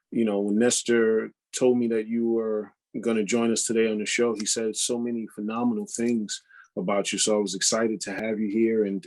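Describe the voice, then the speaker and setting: A man co-hosts a talk show, talking with eager, rambling enthusiasm. His voice sits a little low. He welcomes people warmly and at length. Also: poor audio. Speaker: co-host.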